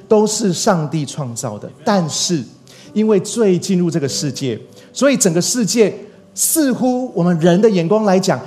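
A man's voice: high voice, darkish tone. A male pastor giving a sermon in an earnest way, repeating key phrases for emphasis.

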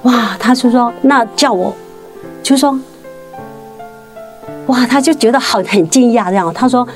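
A woman shares a personal faith story in a somewhat high voice. She talks earnestly and haltingly, restarting phrases and climbing higher at the tense parts. Soft music plays faintly behind her. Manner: earnest, halting, with many restarts and repeated words; rises sharply in pitch at tense moments. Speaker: guest sharing a faith testimony.

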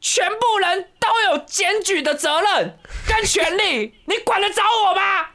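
A man voicing a furious middle-aged woman who scolds a smoker in a shrill, self-righteous shriek. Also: expressive, measured pace, bright, forceful tone, a little hiss or hum, full character voice. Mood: scolding.

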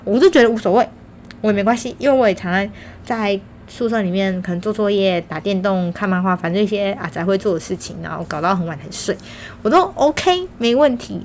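A woman's voice: medium pitch, fairly quick, a little mellow, slight background noise. Young Taiwanese woman slightly slurred by braces. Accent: Taiwanese Mandarin. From Kaohsiung, Taiwan. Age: young adult. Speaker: vlogger. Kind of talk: casual personal storytelling.

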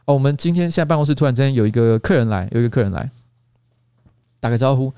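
A man's voice: mid-range voice, very fast, warm tone, clean tone, no room sound, clean studio sound. A man in his forties with a Taiwanese Mandarin accent, hosting a casual livestream chat and rambling with many restarts and repeats. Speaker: podcast host. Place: office studio.

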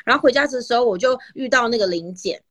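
Fast-talking Taiwanese woman podcast host. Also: a little high. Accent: Taiwanese Mandarin. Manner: animated storytelling, acts out quoted voices. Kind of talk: casual chat.

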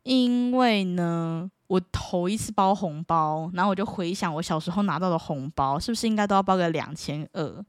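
A woman's voice: on the low side, normal speed, hardly any pauses, no echo, clean studio sound. A woman in her twenties with a Taiwanese Mandarin accent, telling playful stories in a casual vlog and laughing often. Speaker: vlogger. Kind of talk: casual storytelling.

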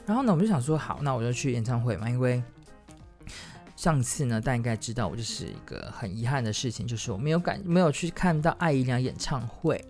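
一位台湾国语口音的男生，随性地讲自己的经历，边说边改口，激动时声音一下拔高。. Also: male voice, fast, faint music behind. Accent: Taiwanese Mandarin. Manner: rambling, frequent self-corrections and restarts; animated, jumps to high excited exclamations. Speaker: solo podcaster. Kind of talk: casual storytelling monologue.

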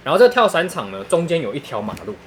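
A man's voice: on the high side, wildly swooping pitch, fast talker, fairly bright tone, slight background noise. A man with a Taiwanese Mandarin accent telling funny stories in casual chat, laughing often and using crude slang.

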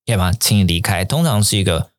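Man, low voice that swings widely, English teacher explaining phrases, dry close mic. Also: quick pace, no echo. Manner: animated, mixes English phrases into Mandarin. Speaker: English teacher and podcast host.

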